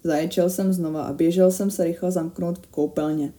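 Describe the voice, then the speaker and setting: A woman reading a first-person horror story aloud in a steady, measured way that grows tense at the scary moments. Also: lowish voice.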